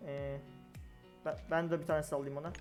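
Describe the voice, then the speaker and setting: A young man giving live commentary on his own gameplay, excitable and talking to himself and his opponents. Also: a little high, normal speed. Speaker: gaming streamer. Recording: game music and gunfire behind. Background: game music and gunshots.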